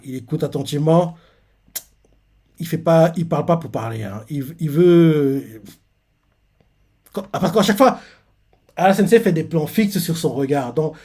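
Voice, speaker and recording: Rambling, excitable male recapper, mellow tone. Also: on the high side. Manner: rambling, many fillers and restarts, excitable. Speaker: reaction channel host. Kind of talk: casual manga chapter recap.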